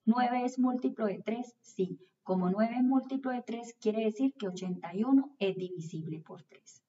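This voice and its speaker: A woman's voice: a little high, normal speed, mellow, slight background noise. A woman giving an instructional math lesson for children, repeating rules step by step and often asking questions that she answers herself. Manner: didactic, asks questions and answers them herself. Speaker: math teacher presenting a video lesson. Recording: distant mic, slightly dull lo-fi sound.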